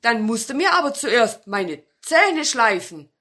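A gruff old watchdog, as a woman storyteller plays him, slow and firm with a bright, lively tone. A children's storybook reading. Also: fairly high pitch, exaggerated voice.

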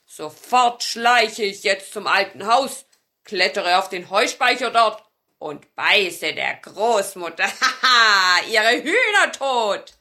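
A woman's voice: medium pitch, animated, slow, sharp tone. A woman voicing a sly, wicked male stone marten in a children's fairy tale, with a gloating, growling manner.

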